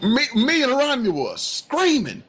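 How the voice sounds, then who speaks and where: A man co-hosting a podcast, excitably retelling movie scenes in casual chat. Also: very high voice, a little slow. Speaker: podcast co-host.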